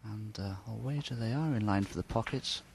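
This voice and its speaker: A man giving hushed, measured and understated snooker commentary. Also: fairly low pitch, vocal fry, background noise.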